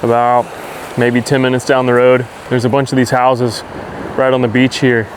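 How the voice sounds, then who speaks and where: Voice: mid-range voice, level tone, normal speed. A travel vlogger chatting casually to camera in an informal, easily enthusiastic way. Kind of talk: casual vlog chat to camera. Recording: noisy vehicle and outdoor ambience.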